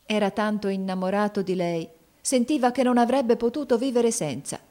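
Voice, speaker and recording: A woman narrating a classic children's story in a measured, expressive reading style. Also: mid-range voice. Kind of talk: audiobook reading.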